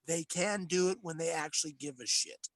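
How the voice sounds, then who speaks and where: A man's voice: fairly high pitch, moderate pace, a bit bright, no room sound. Worked-up guy ranting on a podcast, swears a lot, dry sound. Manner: impassioned, swearing, rambling rant. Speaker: podcast co-host. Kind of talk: casual chat.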